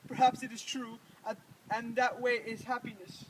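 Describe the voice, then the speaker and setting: High-voiced student doing cyrano, proud tortured poet guy, earnest and declaiming, bit of background hiss. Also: steady tone, normal speed, distant mic, lightly acted. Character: Cyrano, proud anguished male poet-soldier. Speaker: student actor. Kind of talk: amateur school play reading.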